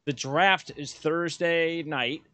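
Middle-aged male host, chatty and rambling, bright forceful tone, dry close sound. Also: fairly high pitch, fairly even intonation, takes it slowly, no room sound. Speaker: podcast host. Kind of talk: casual sports chat. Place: home room, indoors.

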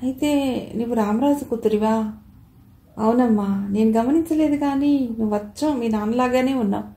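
A woman reading the part of a kindly, nostalgic elderly man who speaks fondly and gently, in a roomy-sounding recording. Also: fairly high pitch, moderate pace, close to an everyday voice. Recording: roomy echo.

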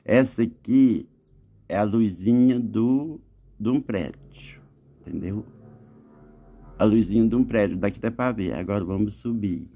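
A man's voice: fairly low pitch, unhurried, pauses often, mellow. A man with a Mineiro accent, filming the night sky outdoors on a phone resting on a wall, insistently talking to viewers as he films. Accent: Mineiro Brazilian Portuguese. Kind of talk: casual narration while filming. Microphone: phone camera resting on a wall.

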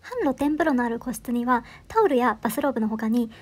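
A woman in her thirties narrates a travel vlog in a quick, high, bright voice. Her scripted voice-over sounds upbeat and enthusiastic. She reviews each detail as if pleased with it. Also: lively intonation. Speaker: travel vlogger.

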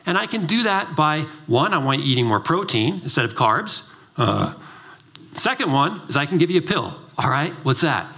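A man's voice: fairly high pitch, moderate pace. A middle-aged man, a doctor, giving an emphatic, driven summit presentation and telling stories with acted-out dialogue. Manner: animated storytelling, acts out dialogue. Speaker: doctor giving a conference talk.

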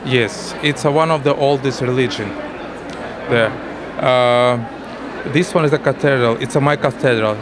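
A middle-aged man from Ukraine with a Russian accent, giving halting interview answers in broken English as a painter. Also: mid-range voice. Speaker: exhibiting painter being interviewed. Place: indoor art exhibition booth. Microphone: interviewer's handheld microphone. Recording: noisy exhibition hall ambience.

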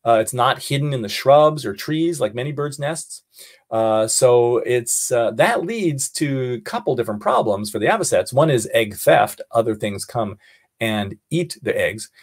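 An American man teaching a nature class in a playful, animated way, asking the class questions as he goes. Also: mid-range voice, measured pace. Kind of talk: online class lesson.

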